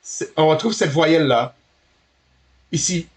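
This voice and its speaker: With a husky edge and a slightly high pitch, this animated instructor teaches Hebrew to beginners. His delivery halts, loops back, and self-corrects, and he keeps patiently checking that everyone understands.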